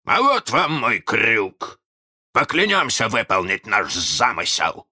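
A man's voice: fairly low pitch, huge pitch swings, slow pace, sharp tone, breathy edge, voice pushed up, heavily acted. A man voicing a vain, dramatic pirate captain in a storybook reading, with grand, theatrical speech. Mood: grandiose. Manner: theatrical, grandiose, swinging between pomp and rage.

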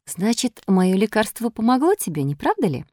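A woman voicing a kind, patient fairy who speaks softly and coaxingly in a storybook reading. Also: mid-range voice, big pitch swings, moderate pace, dry recording, studio quality, voice pushed up. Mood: gentle. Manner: gentle, soft-spoken, coaxing.

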